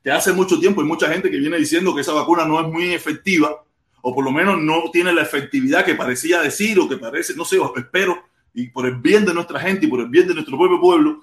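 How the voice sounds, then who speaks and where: A man's voice: a little high, roomy sound. A man with a Cuban accent hosting a casual livestream and reading viewer comments. He rambles, repeats himself and curses crudely. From Cuba. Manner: rambling and repetitive, crude cursing. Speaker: livestream host.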